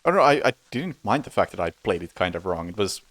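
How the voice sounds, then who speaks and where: A man's voice: fairly low pitch, big pitch swings, quick pace, a bit bright, no room sound. A man streaming a game, chatting casually in a rambling way with frequent chuckles and self-corrections, a bit sleepy. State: sleepy, yawning. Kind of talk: casual gameplay commentary.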